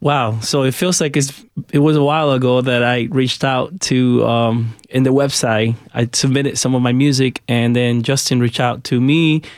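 A man's voice: mid-range voice, steady tone, normal speed, hardly any pauses, dry recording, clean studio sound. A man from Honduras, a guest musician on a radio interview, talking in a friendly, chatty way with many fillers.

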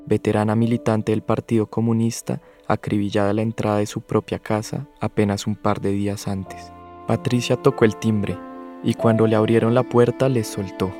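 Flat, low male documentary narrator. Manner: measured, sober, even delivery. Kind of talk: scripted narration.

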